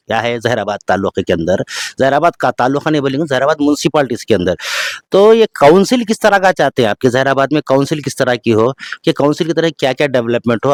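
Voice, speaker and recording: A man's voice: medium pitch, no room sound. Formal reporter man. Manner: formal, long-winded questioning. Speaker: street reporter. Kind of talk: vox pop interview questions.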